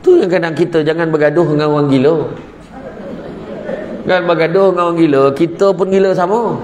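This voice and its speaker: A man giving a religious talk, animated and repetitive, breaking into laughter as he tells stories. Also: fairly high pitch. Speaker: preacher. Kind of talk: religious talk with humorous storytelling. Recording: echoey room with faint background noise.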